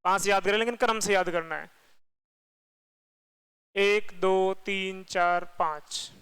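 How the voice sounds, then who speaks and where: A man teaching a geography class, firing quick questions at his students and repeating the answers himself. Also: sits high, fairly even intonation, a bit bright, clean tone, poor audio.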